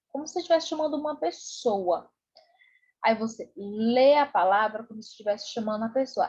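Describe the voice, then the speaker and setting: Woman teacher, Brazilian accent, slow, husky, dull lo-fi recording. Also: on the high side, a little mellow. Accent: Brazilian Portuguese. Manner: patient, repeats with "né?" and "tá bom?". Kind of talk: online lesson for children.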